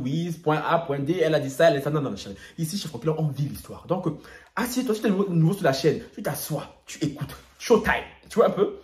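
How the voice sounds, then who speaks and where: A man hosting a gossip vlog, dramatic and chatty, with sing-song catchphrases and his own laughter running through the talk. His voice sits a little high and swoops all over the place. The room gives it a noticeable echo. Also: darkish tone. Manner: theatrical, sing-song asides and repeated catchphrases. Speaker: YouTuber.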